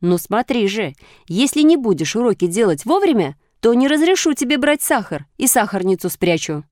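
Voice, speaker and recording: Lady doing a brisk scolding mom in a kids story, lively, dry close sound. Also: a little high, no echo, voice pushed up. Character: practical, teasing mother of a boy.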